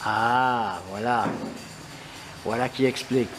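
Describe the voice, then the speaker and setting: Slow, hesitant male interviewer. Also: medium pitch, fairly even intonation, background noise. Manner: hesitant, many filler pauses. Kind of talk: casual interview.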